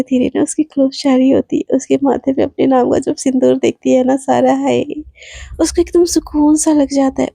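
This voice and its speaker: A woman's voice: high voice, vocal fry, warm tone, dry recording. A woman narrating a romance story in a chatty, gushing, casual way, with many fillers.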